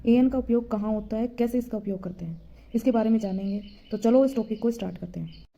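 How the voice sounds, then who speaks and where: A woman's voice: a little high, fast talker, creaky, warm tone, highs cut off. A woman teacher giving a grammar lesson, patiently repeating points and answering her own questions.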